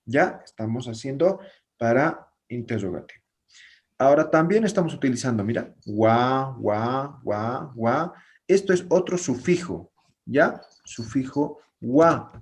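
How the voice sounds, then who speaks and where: A man's voice: mid-range voice, expressive, normal speed. A man teaching a language class online, explaining patiently and often checking that his students follow.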